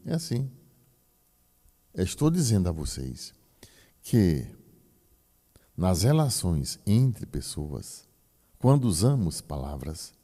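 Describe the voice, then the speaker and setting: Deep-voiced priest teaching. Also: male voice, warm tone. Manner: explanatory, addresses the audience with folksy asides. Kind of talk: teaching talk to a group. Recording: long hall reverb.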